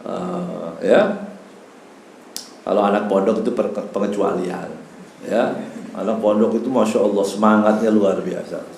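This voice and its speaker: Echoey Indonesian mosque preacher, conversational. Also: male voice, on the low side, steady tone, unhurried, vocal fry, pauses often, a little mellow, slight background noise. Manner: explains Arabic terms in casual Indonesian, frequent tag "ya". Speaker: Islamic preacher. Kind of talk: mosque study talk. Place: mosque hall. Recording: echoey room with faint ambience.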